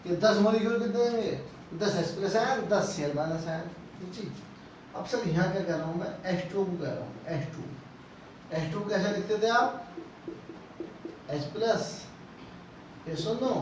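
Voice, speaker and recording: A man teaches a chemistry class, drilling the students with questions and repeating terms, his voice pitched high. He is picked up from a distance in a strongly echoing classroom. A faint hiss sits under the sound. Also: a little mellow. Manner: repeats key terms and asks rhetorical questions; mixes Hindi with English technical terms. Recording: echoey classroom, mic far off, faint noise.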